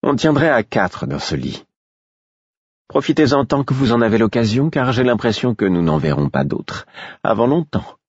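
A deep-voiced man lifting his voice into a wry young minstrel woman, coaxing and lightly mocking as she teases. The voice is husky and dry, like a storybook read close to the mic, and the recording sounds muffled and lo-fi. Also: sing-song, moderate pace, dry recording. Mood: teasing. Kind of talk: audiobook reading.

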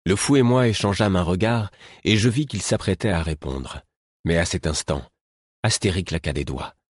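Deep husky male narrator. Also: no room sound, studio quality. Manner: measured, lively storytelling. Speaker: audiobook narrator. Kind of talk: scripted narration.

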